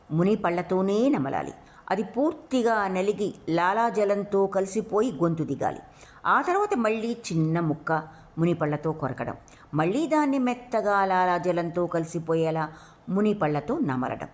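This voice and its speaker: Lower-voiced woman narrating a novel. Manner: steady, expressive storytelling. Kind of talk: audiobook reading of a novel.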